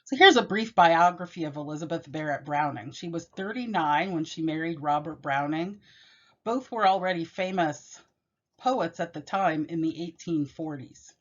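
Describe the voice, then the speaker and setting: A woman giving a measured, explanatory poetry lesson and reading the poem aloud. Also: sits low, a bit bright. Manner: measured, explanatory, with occasional self-corrections. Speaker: teacher. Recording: dull, lo-fi.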